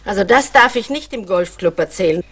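An actress playing a fussy, well-off middle-aged mother in a 1960s TV series, gently scolding. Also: medium pitch, expressive, brisk, slightly rough. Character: fussy well-off mother, golf-club type.

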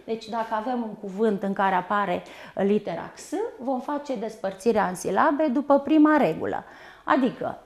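Speaking at a medium pitch with an expressive delivery, a woman leads a primary school class. She takes her time, talking carefully and breaking words into syllables as she spells them.

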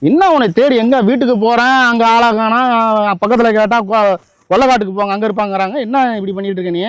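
A man's voice: very high-pitched, fairly even intonation, fast, clean tone, no room sound. A man in a comedy skit playing a loan collector, nagging and insistent, repeating his demands. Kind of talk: scripted comedy skit acting.

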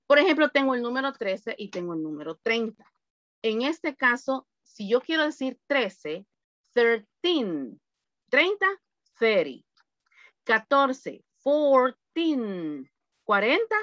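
A woman teaching an English class over a video call, slowly and patiently drilling lists of numbers. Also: fairly high pitch, fairly bright tone, no echo. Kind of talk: online class lesson. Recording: dull, lo-fi video call audio.

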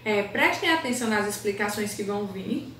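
A woman's voice: mid-range voice, animated, normal speed, fairly bright tone, slight background noise. A woman teaching a recorded class for young children, with a Brazilian Portuguese accent. She speaks in a sing-song way, drawing out words syllable by syllable and asking the class questions as she goes. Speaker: primary school teacher.

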